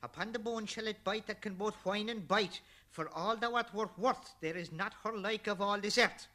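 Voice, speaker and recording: A man's voice: high-pitched, normal speed. An actor playing Noah, a weary old man and bossy husband, declaiming old verse. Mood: quarrelsome. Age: older. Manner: declaiming verse, grumbling then shouting. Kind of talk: old-style verse play.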